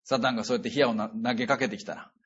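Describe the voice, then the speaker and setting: Husky-voiced man preaching earnestly. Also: mid-range voice, steady tone, rapid-fire, fairly bright tone. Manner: earnest, conversational preaching with emphatic sentence endings. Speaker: pastor. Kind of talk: sermon. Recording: dull lo-fi recording.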